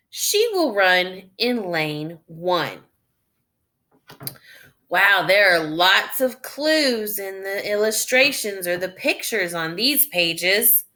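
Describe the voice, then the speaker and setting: A woman reads a children's story aloud in a mid-range voice, taking on a teacher's role. She works through her thoughts out loud and guides the young listeners in a deliberate, instructional style.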